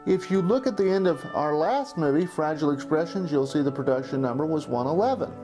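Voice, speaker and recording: This man's voice sits a little high, with lively intonation and a slightly fast pace. As the filmmaker, he tells reflective anecdotes in a documentary retrospective on the studio's history, with music playing behind him.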